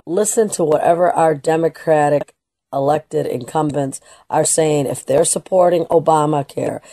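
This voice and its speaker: On her political talk radio program, this woman delivers a forceful, opinionated monologue, restarting at times and dropping in bits of Spanish. Her voice is low and mellow, and there's no room sound.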